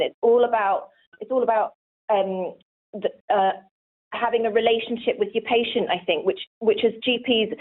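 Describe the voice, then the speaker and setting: A woman speaks as a GP guest in a radio interview. She explains in hesitant, halting phrases. Her voice comes through narrow and tinny, like a phone line. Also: medium pitch. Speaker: GP being interviewed.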